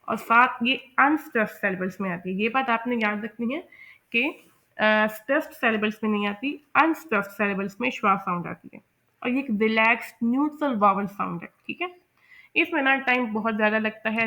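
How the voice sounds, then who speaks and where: A woman teaching English pronunciation, explaining step by step, repeating words slowly and checking in with her learners. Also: a little high, bright, forceful tone. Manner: patient, repeats words slowly, often asks "ठीक है?". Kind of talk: explaining a lesson from slides.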